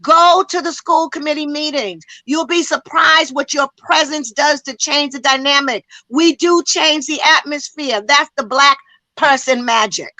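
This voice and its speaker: A woman community educator addresses a panel at a measured pace in a high, bright, forceful voice, passionate and emphatic, asking many rhetorical questions and a bit short of breath. There is no room sound, and the recording quality is low.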